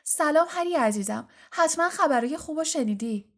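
A woman's voice: high voice, lively intonation, creaky, a bit bright, heavily acted. A woman voicing a stern, proud mother who scolds her sons in an audiobook. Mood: scolding.

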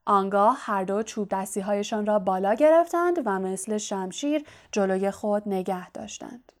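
A woman narrating a fantasy novel as an audiobook in an even, steady storytelling manner. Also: medium pitch.

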